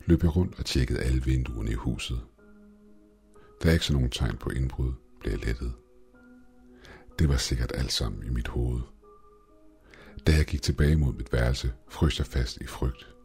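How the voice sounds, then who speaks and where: Man, extremely deep voice, scripted horror narration, tense first-person telling, faint music underneath. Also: pauses often, darkish tone.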